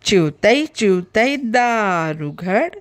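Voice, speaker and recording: A woman voicing a lazy, cold, wet male crow who calls at a door in a slow, drawn-out voice. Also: medium pitch, very animated. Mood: pleading.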